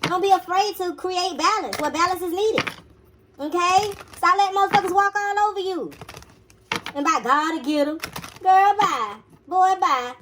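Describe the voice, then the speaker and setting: A woman with a strikingly high voice delivers a motivational sermon in loose, casual slang. She swears freely and repeats her commands for emphasis, talking straight to her listeners like a spiritual teacher. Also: normal speed, background noise.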